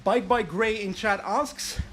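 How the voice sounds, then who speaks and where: Riding an indoor bike trainer in a warm room with a fan, a high-voiced Belgian man hosts a laid-back livestream, speaking slowly with a slightly bright tone. He chats freely, answers questions from viewers, and laughs at himself. Light background noise comes through.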